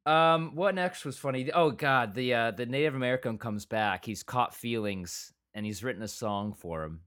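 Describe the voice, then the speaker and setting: A man co-hosting a casual podcast, talking loosely and wandering into quoted asides. His voice sits at an ordinary middle pitch. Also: moderate pace, fairly bright tone, clear, resonant tone. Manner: rambling, full of restarts and quoted asides. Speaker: podcast co-host. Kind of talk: casual review chat.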